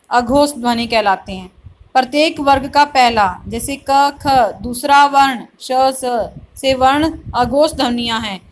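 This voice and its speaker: Woman teacher going slow thru a grammar lesson, high pitched, faint hiss and clicks behind. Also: low-quality recording. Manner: slow, explanatory, repeats "theek hai" and asks rhetorical questions. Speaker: school teacher. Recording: faint background noise and clicks.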